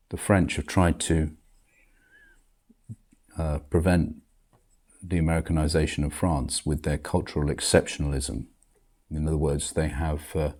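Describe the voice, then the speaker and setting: A man's voice: rumbling low, dark tone. An older man in a grumpy, world-weary back-in-my-day rant, commenting on the world with emphatic outbursts. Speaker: video commentator.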